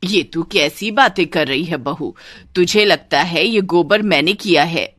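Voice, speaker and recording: Woman doing a bossy cartoon saas, lower and loud, scolding, dry sound. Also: unhurried, dry recording. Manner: scolding, shouting at her family. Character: bossy middle-aged mother-in-law, woman.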